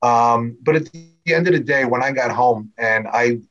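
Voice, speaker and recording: A middle-aged man telling an audience his own story in a chatty, unpolished way, full of fillers and restarts. His voice sits at a medium pitch and carries a dry, wry humor. The recording sounds a little dull and muffled. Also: normal speed, fairly bright tone. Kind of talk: personal storytelling talk.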